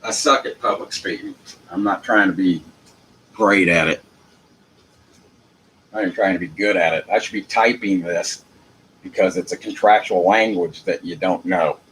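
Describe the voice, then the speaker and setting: A man's voice: low-pitched, fairly even intonation, moderate pace, pauses often, a bit bright, low-quality recording. A man with a Southern US accent giving an informal, rambling monologue in a folksy, unpolished manner, repeating phrases for emphasis. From Jacksonville, United States. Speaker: amateur legal commentator. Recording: noticeable background noise.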